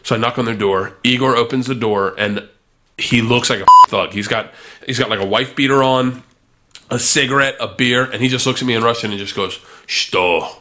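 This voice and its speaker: A man telling a long story in a casual chat, animated and acting out the people in it. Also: mid-range voice, fairly quick, slight background noise. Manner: animated, does voices of people in his story.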